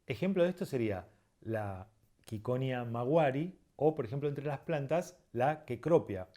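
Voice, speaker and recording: A man teaching a lesson, explaining step by step, repeating examples slowly and checking in with the listener. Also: medium pitch, warm tone. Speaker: birding instructor.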